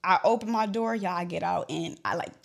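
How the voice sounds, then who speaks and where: A young woman telling a personal story to the camera, emotional, her voice getting shaky and swinging between loud and hushed. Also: lowish voice, fairly quick, vocal fry.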